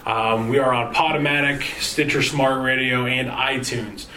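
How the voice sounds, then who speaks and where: A man's voice: medium pitch, steady tone, pushed and bright, a little hiss or hum, rough recording. A man hosting a casual sports podcast, tired and rambling, with lots of fillers and restarts. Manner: rambling, halting sign-off with many fillers. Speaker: podcast host.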